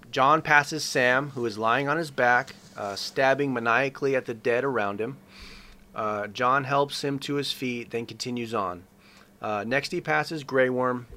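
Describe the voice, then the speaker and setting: A man's voice: medium pitch, bright, forceful tone. A man casually narrating a TV episode scene by scene, opening most sentences with an "uh.". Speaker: co-host recapping a TV episode.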